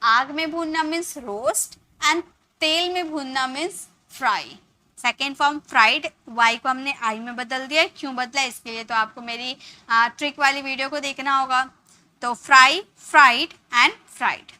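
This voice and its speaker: A woman teaching English verbs, repeating example sentences slowly with an Indian English accent. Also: high-pitched, pushed and bright. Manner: slow, drawn-out model sentences repeated for learners. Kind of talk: spoken English lesson.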